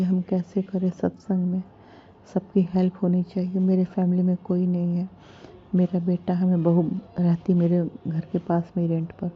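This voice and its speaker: A middle-aged woman offers a soft, pleading devotional prayer, apologizing again and again. Her voice sits low and barely moves in pitch, almost a monotone. The recording is dull and lo-fi, like a simple phone clip made at home. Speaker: devotee sharing a prayer of thanks.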